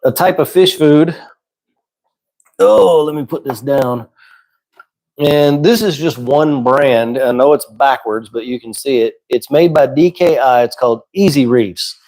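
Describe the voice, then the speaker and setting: This livestream host is losing his voice but keeps chatting easily, answering questions from viewers in a relaxed, conversational way. He speaks at a measured pace with a medium-pitched voice, and the recording sounds rough.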